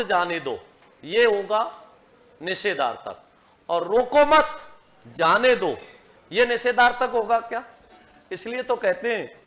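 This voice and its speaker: A man teaching a grammar class, dictating slowly, repeating phrases and quizzing his students. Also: high-pitched, a bit bright.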